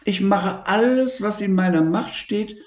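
A man voicing a gentle, worried young boy in a storybook reading. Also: a little slow, echoey room. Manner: raised childlike pitch, anxious.

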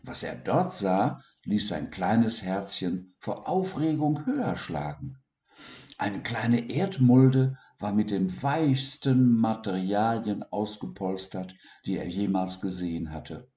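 A man reading a children's story aloud in a calm, expressive narrating voice. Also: on the low side, slow. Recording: roomy echo.

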